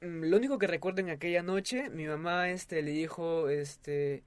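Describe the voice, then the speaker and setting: A man's voice: on the high side, moderate pace, smooth. Hesitant man telling a personal story. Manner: hesitant, many fillers and restarts. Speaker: interviewee. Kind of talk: testimony in a casual interview.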